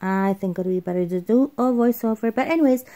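A craft vlogger records a casual voiceover for her haul video on a home voiceover mic, sounding tired as she rambles, corrects herself, and uses fillers. Her voice is on the high side, quick, and dark in tone.

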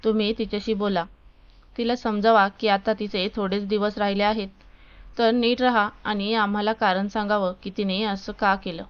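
A woman's voice: medium pitch, little pitch movement, normal speed, smooth, dull audio, close to an everyday voice. A woman reading as a stern male college principal. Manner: loud, scolding, authoritative.

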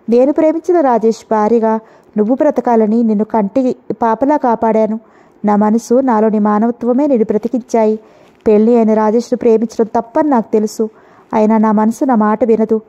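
A woman's voice: a little high, mellow, natural voice. A woman voicing a composed woman doctor who pleads earnestly, read in a storybook. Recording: dull lo-fi audio.

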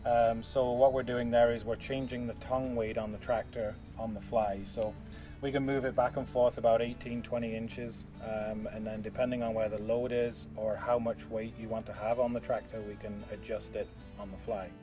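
Man explaining farm machinery outdoors, flat delivery. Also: mid-range voice, normal speed, far from the mic, over music. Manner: casual, many fillers, explanatory. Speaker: product specialist. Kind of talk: outdoor product demonstration. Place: outdoors at a farm equipment show.

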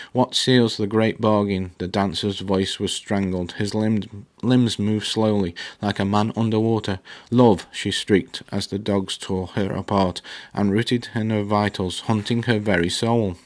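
A man narrating a novel aloud in a steady, dramatic reading with small slips. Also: on the low side. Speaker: book reader. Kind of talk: audiobook narration.

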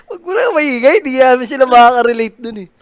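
A man co-casting a video game match. He drifts into jokes and stories between plays and laughs often. The tone stays relaxed and playful. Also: very high voice, quick pace. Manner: joking storyteller, laughs often. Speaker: esports co-caster. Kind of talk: casual game commentary.

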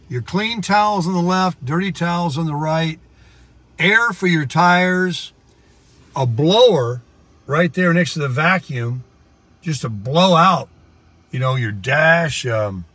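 His voice sits on the high side, sharp in tone with lively intonation, and he takes his time; the voice itself sounds dry. This American vlogger explains things in a rambling, casual chat to camera from a car and a parking lot, with clear car and outdoor sounds behind him.

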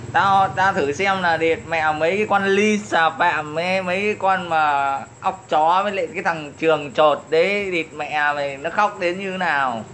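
A man's voice: high voice, bright, forceful tone, slight background noise. A man ranting at his critics in a taunting, profane way, laughing at them as he insults them. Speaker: online commentator. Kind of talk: taunting profane rant to camera.

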